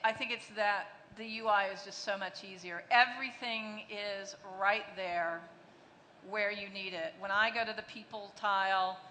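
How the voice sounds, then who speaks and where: A woman's voice: medium pitch, steady tone, normal speed, pushed and bright. A woman executive answering questions on a conference panel, fluent but restarting her phrases often. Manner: fluent, with frequent restarts and fillers. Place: large conference hall. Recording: long hall reverb, faint noise.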